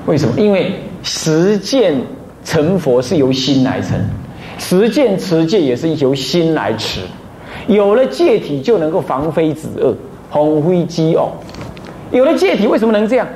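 A man's voice: a little high, sing-song, normal speed, dark tone. A man from Taiwan, a Buddhist abbot, giving a dharma talk, mixing in phrases and often asking listeners rhetorical questions. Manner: mixes Taiwanese phrases into Mandarin. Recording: roomy echo, faint noise.

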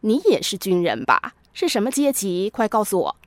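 A woman's voice: very animated, moderate pace, no room sound, natural voice. A woman reading a story, voicing a proud male army officer with a raised, emphatic voice. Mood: smug. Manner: haughty, then eager and anxious, higher voice. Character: arrogant male army major turning fearful.

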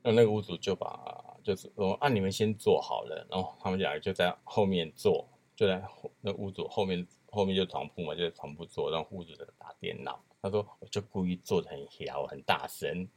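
A man's voice: low-pitched, fairly quick, hardly any pauses, a little mellow. A man hosting a podcast, telling a crude story in a casual chat and acting out the people in it. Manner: crude, laughing, acts out quoted voices. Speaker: podcast host.

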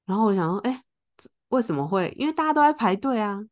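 A woman's voice: mid-range voice, fast talker. A woman, co-hosting a podcast and telling a story in casual chat, acting out the lines of the people in it. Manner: animated, acts out quoted lines. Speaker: podcast co-host.

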